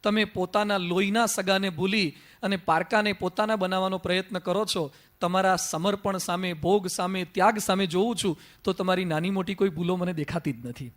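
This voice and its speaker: A gentle devoted husband, as a preacher tells it. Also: male voice, sits high, steady tone, a little fast, voice pushed down. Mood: tender.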